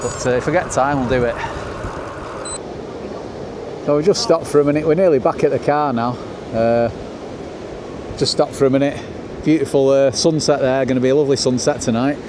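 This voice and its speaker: On his bicycle outdoors, a middle-aged cycling vlogger chats casually, sounding like a cheerful travel host with a northern English accent. He speaks at a quick pace with medium pitch and a steady tone. Wind and traffic make the audio noisy.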